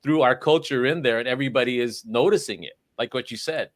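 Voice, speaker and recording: A man's voice: medium pitch, fast talker, no echo. A man hosting a livestream interview, asking long, rambling questions full of restarts. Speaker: livestream show host. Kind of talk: casual interview conversation. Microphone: livestream call microphone.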